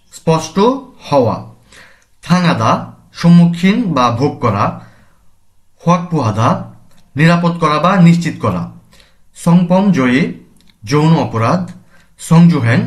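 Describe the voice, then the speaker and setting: Slow-explaining man, Bangladeshi accent. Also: a little high, animated. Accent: Bangladeshi Bengali. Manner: slow, deliberate, repeats terms and spells out sounds. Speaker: language teacher. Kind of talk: explaining grammar and pronunciation.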